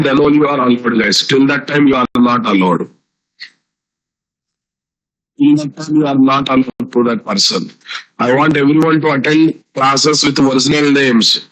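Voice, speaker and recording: A man's voice: mid-range voice, a bit bright, poor audio. A man with an Indian Telugu accent giving a live online programming lecture as a teacher, repeating phrases and often checking with students through questions.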